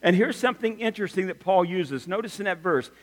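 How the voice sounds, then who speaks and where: Animated pastor preaching in a reverberant sanctuary. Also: male voice, sits high, fast talker. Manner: animated storytelling with humorous asides. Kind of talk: sermon. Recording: long reverb of a large hall.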